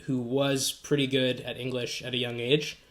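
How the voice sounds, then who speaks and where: A man interviewing casually as host, phrasing his questions in a measured way with pauses along the way. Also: medium pitch, level tone, fairly bright tone. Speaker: English teacher.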